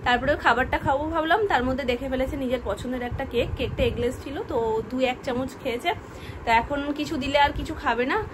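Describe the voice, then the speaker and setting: A woman with a Bengali accent talking casually in a family vlog, turning to high, coaxing talk with a small child. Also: fairly quick. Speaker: vlogger. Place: home. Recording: noisy home ambience.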